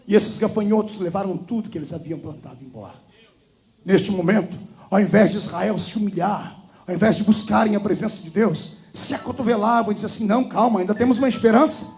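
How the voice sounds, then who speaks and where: A man with a Brazilian Portuguese accent preaching a fiery sermon, telling a story and swinging between hushed and shouted lines. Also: high voice, a little fast. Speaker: pastor.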